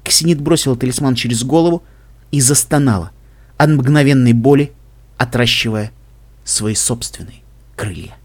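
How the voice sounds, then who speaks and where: A man narrating an audiobook in an even, measured reading voice. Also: mid-range voice. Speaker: audiobook reader. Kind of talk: scripted narration.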